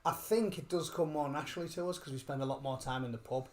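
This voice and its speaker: Chatty swearing man, higher pitched. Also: quick pace. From England. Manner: chatty, swearing, self-described gobshite. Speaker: guest. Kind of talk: casual interview chat.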